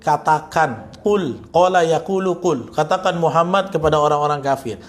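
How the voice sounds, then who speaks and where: A man's voice: a little high, normal speed. A man teaching Quran recitation, chanting verses and then correcting pronunciation with teasing remarks.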